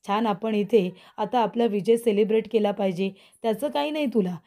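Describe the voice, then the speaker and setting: A woman's voice: mid-range voice, brisk, warm tone, natural voice. A woman reading the lines of a defiant young woman from a TV serial, answering back sharply. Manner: defiant, retorting.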